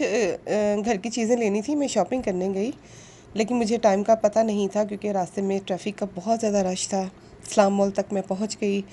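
A woman's voice: medium pitch, warm tone, slight background noise. Polite woman. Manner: polite, earnest, with pauses and fillers. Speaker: vlogger. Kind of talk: casual shopping vlog narration.

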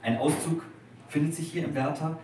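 Man giving an expressive literary reading. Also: on the high side. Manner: measured, expressive. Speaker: reader. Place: restaurant at a live dinner reading. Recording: echoey room from a distance, faint noise.

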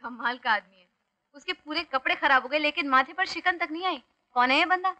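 A woman's voice: high voice, fairly quick, pushed and bright, dull audio. A young woman acting in a Hindi film comedy, teasing and playful. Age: young adult.

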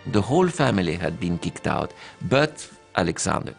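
A man with a gravelly, lowish voice recalls family history in an interview. He speaks slowly and deliberately over soft music. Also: big pitch swings. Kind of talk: interview recollection.

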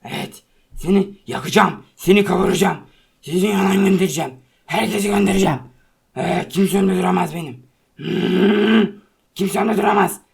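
A woman voicing a male hero turned into an angry fire monster in a toy play-acting video, with a strained, gravelly voice and threatening or pleading delivery. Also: lowish voice, brisk, a little mellow, voice pushed down, exaggerated voice. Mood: furious. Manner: pleading, then raging threats.

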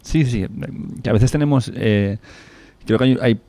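A man hosts a relaxed podcast interview. His voice is warm and mellow at a middle pitch, and he talks loosely, with fillers and casual slang. The recording is dry and close. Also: a little slow, no echo. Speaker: podcast host.

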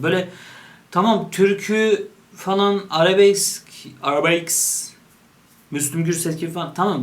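Playful young man, slightly higher voice. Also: fairly bright tone. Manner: reads options aloud and jokes about each; playful, quick to laugh. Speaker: YouTuber. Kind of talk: casual chat while taking an online quiz.

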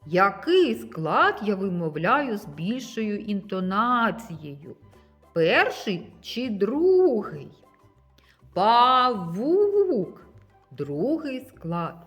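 A woman teacher giving a slow, deliberate lesson to young children, stressing each syllable. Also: mid-range voice, very animated, faint music behind.

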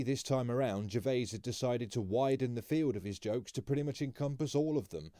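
A man reads scripted commentary in a measured, explanatory way. His voice is mellow and dark. The recording is dry and close, with no room around it. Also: medium pitch, no echo. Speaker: commentary channel host.

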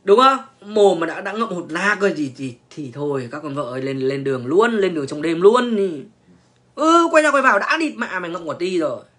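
Brief: young man, crude casual storyteller, lots of cursing and stammered repeats, voice a bit high. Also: lively intonation, fairly quick, a bit bright. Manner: profane, repetitive stammering restarts, slangy. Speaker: online personality telling stories.

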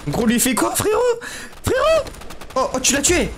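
A man giving casual gameplay commentary, excitable and slangy, often yelling at the game. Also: very high voice, quick pace, background noise. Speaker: gaming YouTuber.

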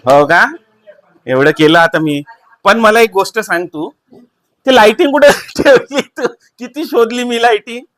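A man's voice: high voice, unhurried, fairly bright tone, no room sound. A man with a Marathi accent hosting a casual family vlog, chatty, coaxing and playful. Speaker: vlog host.

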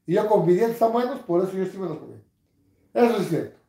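A man, hosting a casual livestream from his couch, reading comments with crude, mocking humor and bursts of loud laughter. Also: sits high, animated, a little fast, gravelly, roomy sound. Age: 60s. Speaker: livestream host. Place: living room, seated on a couch at home.

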